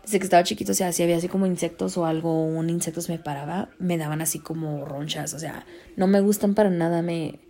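A woman's voice: on the low side, fast. A young woman casually telling a story as a vlogger, chatty and slangy, slipping into English words. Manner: chatty, slips into English, slangy and animated in retelling.

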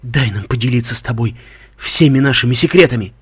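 Man doing whispering magic glyphs, coaxing, insistent, husky, storybook. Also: mid-range voice, brisk, fairly bright tone, no echo. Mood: tempting.

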